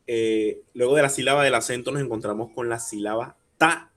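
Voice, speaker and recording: A man's voice: medium pitch, fairly even intonation, fairly bright tone. Patient man teaching over a call. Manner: patient, explains step by step, spelling out syllables slowly; asks the audience questions and checks understanding. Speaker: workshop speaker teaching rhyme. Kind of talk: online workshop lecture.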